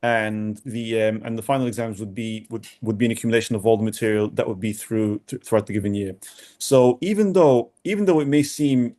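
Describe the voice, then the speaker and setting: A young man from Sudan, a doctor answering podcast interview questions in a halting way with many restarts and repeated words. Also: fairly low pitch, warm tone. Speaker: doctor, guest.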